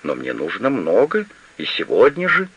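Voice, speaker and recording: A man's voice: low voice, huge pitch swings, moderate pace, creaky, sharp tone, slightly rough, full character voice. A man reading an audiobook and voicing a proud, demanding woman who owns an estate, on a slightly lo-fi recording. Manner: insistent and demanding. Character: proud, pleading, imperious woman estate owner.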